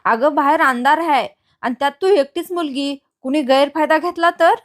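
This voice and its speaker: A woman's voice: high-pitched, normal speed, close to an everyday voice. A woman voicing a scheming young man in a retold serial, pushy and insistent. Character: scheming young man, a factory owner's brother.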